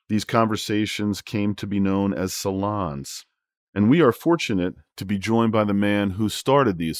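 A man hosting a podcast, a practicing therapist speaking in a calm, measured way. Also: lowish voice, no echo, clean studio sound. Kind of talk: scripted intro then interview questions.

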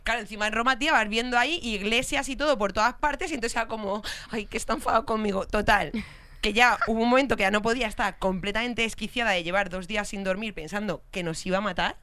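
A woman with a Spain Spanish accent telling a story in casual chat, animated, swearing and laughing as she goes. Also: medium pitch, fast talker. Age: adult with a young child. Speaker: podcast co-host telling a story.

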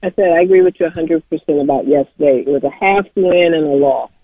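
A woman's voice: deep voice, quick pace, breathy edge, no echo. Caller, woman, emphatic run-on talker, heard through a fuzzy, distorted speakerphone on a tinny, dry phone line. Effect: distorted speakerphone fuzz. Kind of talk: call-in talk radio.

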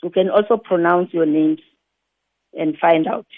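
Woman teacher, patient and methodical, who spells out examples slowly. Lo-fi phone-like sound, dry and close. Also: lowish voice, dry recording. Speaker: English teacher. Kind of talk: explaining grammar rules to learners. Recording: tinny phone-like dry recording.

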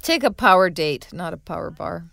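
A woman's voice: on the low side, expressive, normal speed, creaky, fairly bright tone, no room sound. A woman co-hosting a podcast from a small studio, emphatic and teasing as she acts out scenes. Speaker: podcast co-host. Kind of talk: casual chat.

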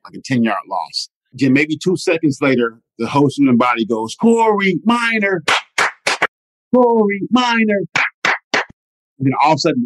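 A middle-aged man telling his life stories in an interview as a motivational speaker, animated and often asking "right?". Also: mid-range voice, no room sound, low-quality recording. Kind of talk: storytelling interview.

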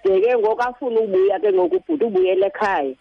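A woman's voice: a little high, big pitch swings, fast, gravelly. A woman with a Xhosa accent, calling in to a radio show to ask questions. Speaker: phone-in caller. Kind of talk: asking questions on a radio phone-in. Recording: dull phone-in line.

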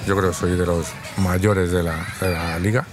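A man's voice: deep voice, steady tone, normal speed. A man in his fifties with a Madrid Spanish accent, talking reflectively in an interview with some hesitations. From Spain. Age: 50s. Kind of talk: casual interview talk. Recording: outdoor street noise with traffic.

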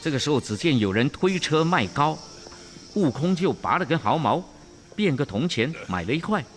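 A storyteller telling a classic tale in an animated, theatrical way, slipping in English words now and then. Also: mid-range voice, moderate pace, soft background music. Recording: long hall reverb, faint ambience.

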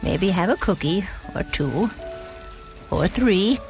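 A woman playing a kindly, folksy, devout elderly granny in a gentle, unhurried bedtime sleep story. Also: fairly low pitch, lively intonation, soft background music. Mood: folksy, welcoming. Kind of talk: scripted sleep story narration in character.

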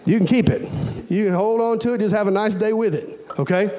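With a high-pitched, warm voice and a brisk pace, a man in his forties preaches a folksy, emphatic sermon. He repeats phrases and speaks right to the congregation, questioning and urging them.

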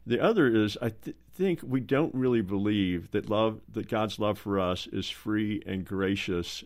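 A man in a roundtable discussion who speaks in a slow, halting way with many restarts. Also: lowish voice. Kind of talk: casual roundtable talk.

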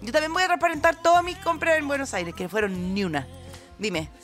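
A Chilean woman in her thirties co-hosting a podcast, telling animated stories full of local slang. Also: high voice, a little fast, faint music behind. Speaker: podcast co-host. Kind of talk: casual chat.

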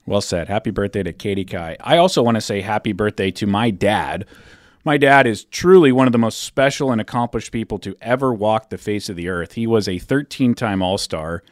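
A man co-hosting a golf podcast, delivering a wry, deadpan prepared monologue. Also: fairly low pitch, no echo, clean studio sound. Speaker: podcast co-host. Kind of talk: scripted monologue.

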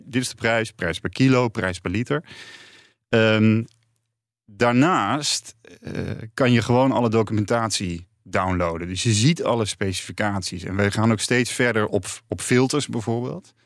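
A man's voice: on the low side, normal speed, no room sound, clean studio sound. A man being interviewed about his company, talking with many fillers and restarts. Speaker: company founder as guest. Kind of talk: business interview.

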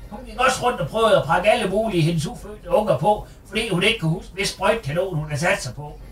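A man's voice: sits high, animated, a bit bright, far from the mic, a little hiss or hum. A man playing a crude, foul-mouthed, bossy mother in a comedy radio sketch, swearing and insulting. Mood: spiteful. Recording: roomy echo, off-mic.

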